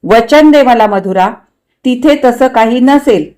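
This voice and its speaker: Reading a story aloud, a woman voices a young husband who is wary and quick to get irritated. Her voice is fairly high, slow and warm, yet the character comes across firm and slightly stern.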